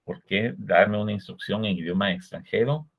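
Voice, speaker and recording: A Guatemalan man with a Guatemalan Spanish accent delivers a recorded law lecture, explaining things in a measured way and putting rhetorical questions to his students. His voice is lowish, and the recording sounds dull and lo-fi.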